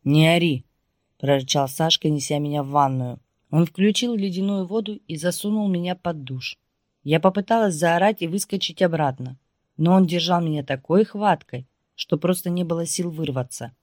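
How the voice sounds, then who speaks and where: A woman reading first-person audiobook narration in a steady storytelling voice. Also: fairly low pitch, moderate pace, dry recording, studio quality.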